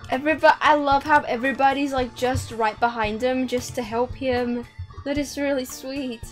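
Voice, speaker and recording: A young woman hosting a reaction video, excitable and giggly, often gasping as she comments on clips. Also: high-pitched, normal speed, faint music behind. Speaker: YouTube reaction host.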